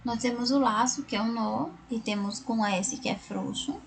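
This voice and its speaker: A woman's voice: fairly high pitch, moderate pace, vocal fry, background noise. A Brazilian woman teaching a recorded class, explaining word by word and often checking in with tag questions. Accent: Brazilian Portuguese.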